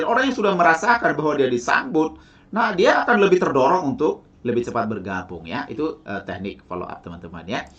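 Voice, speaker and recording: A man's voice: mid-range voice, lo-fi sound. A man teaching follow-up sales technique in a motivational lecture, often tagging his sentences with "ya" and acting out sample dialogue. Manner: animated, tags sentences with "ya" and "teman-teman"; acts out sample sales dialogue in lively voices. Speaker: sales and network-marketing trainer.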